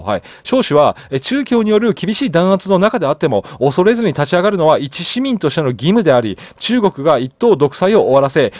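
Animated high-voiced man chatting news. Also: no room sound. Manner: animated, chatty, frequent tag questions and fillers. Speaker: news commentary channel host. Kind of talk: casual solo commentary reading news.

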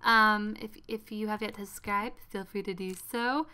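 A young woman hosting a casual gaming video, chatting excitably and urging her game character on. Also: medium pitch, normal speed, clear, resonant tone. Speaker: gaming channel host. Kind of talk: casual let's-play commentary.

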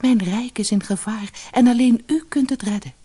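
Gentle storybook queen , a woman reads her, soft and hushed, mellow tone, faint music under. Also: fairly high pitch, moderate pace, husky, voice pushed up.

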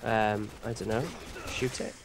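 Nasal man, slow unhurried delivery, self-mocking co-op gamer with frequent laughs; faint background hiss. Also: lowish voice, level tone, gravelly. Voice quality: nasal, blocked-nose sound. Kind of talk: casual gameplay commentary.

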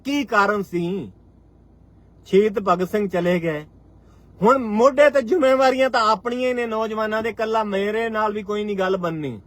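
A high-pitched man in his forties from Punjab, India, speaks at normal speed with a Punjabi accent. As a farmers' union leader, he delivers a fiery live-stream address, hammering his points home with repeated rhetorical lines.

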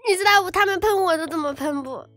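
A very high-voiced young woman streamer on a voice call, her voice bright and light. She keeps laughing through her words and sounds close to tears, feeling sorry for herself, with faint music playing behind. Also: fast, no echo. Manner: laughing and tearful, self-pitying. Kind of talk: casual voice-call chat.

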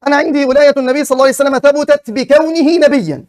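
A man with a strikingly high voice presses his point in a heated religious debate. He talks quickly in formal phrasing and keeps demanding an answer over and over. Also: fairly even intonation, a little mellow.

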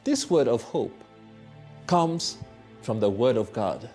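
Man, church leader, slow, very melodic delivery, mellow tone. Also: mid-range voice, lively intonation, faint music behind.

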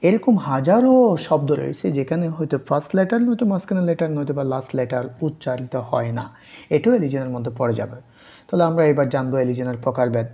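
A teacher from Bangladesh giving a recorded exam-prep lecture, reading English definitions slowly and then explaining them step by step, repeating example words to contrast how they are pronounced. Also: mid-range voice, expressive, warm tone, muffled recording.

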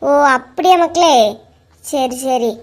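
A woman's voice: high-pitched, slow pace, voice pushed down. Woman putting on an older Kanyakumari mother. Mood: fond. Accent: Kanyakumari Tamil.

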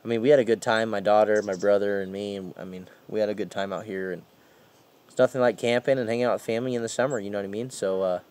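A man's voice: fairly low pitch, steady tone, fast talker, darkish tone, clean tone. A young man vlogging outdoors on a camping and fishing trip, talking casually to a handheld camera in an easygoing way. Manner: easygoing, laid-back, says "man" and "you know" a lot. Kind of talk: casual vlog narration. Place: outdoors at a lake and campsite. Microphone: camera held at arm's length.

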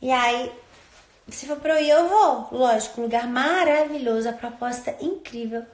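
A high-voiced woman talks into her phone in a loose, chatty way, drifting from story to story with playful asides. The room around her rings with a clear echo. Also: normal speed. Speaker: social media influencer. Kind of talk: casual phone stories chat. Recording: roomy echo.

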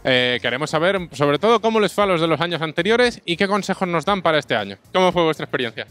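Young man, bright upbeat street host. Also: on the high side, animated, fast, faint music behind. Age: young adult. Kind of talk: casual street interview. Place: outdoors on a busy city street. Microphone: handheld microphone.

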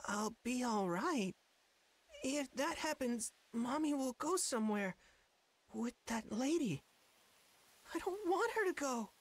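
A woman's voice: high-pitched, expressive, takes it slowly, pauses often, full character voice. A woman playing a timid, anxious little boy in an anime game, hesitant and childlike. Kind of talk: anime video game dub acting.

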